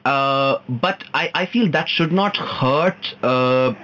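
A man's voice: medium pitch, takes it slowly, sharp tone. A man with an Indian accent talking casually as a radio guest, in a theatrical, campy way. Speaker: guest on a radio talk show. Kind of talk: casual conversational opinion and anecdote. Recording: muffled radio audio, clear noise.

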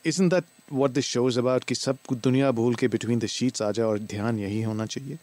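A man's voice: medium pitch, very fast, a little mellow, no echo. A man with an Indian accent hosting a radio call-in show, chatting casually with flirtatious, teasing banter. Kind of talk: casual chat, mixing English and Hindi. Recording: music behind the voice.

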